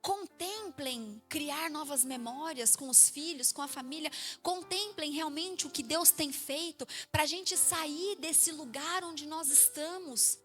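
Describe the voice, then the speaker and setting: High, bright-voiced Brazilian woman preaching. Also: takes it slowly, faint music behind. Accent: Brazilian Portuguese. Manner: lively storytelling, acts out quoted voices. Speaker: pastor. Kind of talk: sermon. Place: church.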